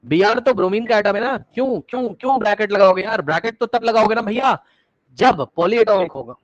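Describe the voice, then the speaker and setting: A male teacher giving a live online class lecture, energetic, repeating words rapidly to prod his students and coaxing them with questions. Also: high-pitched, no echo. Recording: dull, dry online-class audio.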